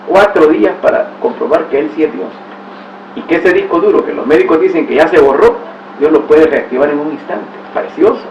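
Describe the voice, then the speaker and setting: Higher-voiced man teaching in an echoey room. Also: a little mellow. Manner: storytelling with exclamations and rhetorical asides. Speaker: catechist. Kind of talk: religious teaching talk. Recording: roomy, distant, dull recording with faint hiss.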